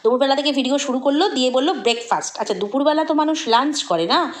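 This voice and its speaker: A woman talks through a gossip vlog in a fairly high voice. She mocks and needles, tossing out rhetorical questions in a chatty, sarcastic run. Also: fast talker. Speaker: vlogger.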